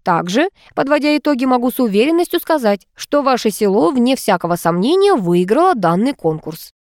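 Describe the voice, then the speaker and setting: Woman doing a composed male king, formal, even-tempered, audiobook, dry sound. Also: fairly high pitch, brisk, no room sound, pitched above the performer's own voice. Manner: level, placating and formal. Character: calm, measured male king. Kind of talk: audiobook character voice.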